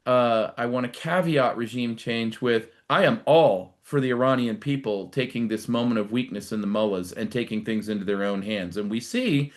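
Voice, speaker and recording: A middle-aged or older American man, a retired military figure, appears as a guest commentator on live political commentary. His medium-pitched voice explains things conversationally and in a measured way, with emphatic stresses.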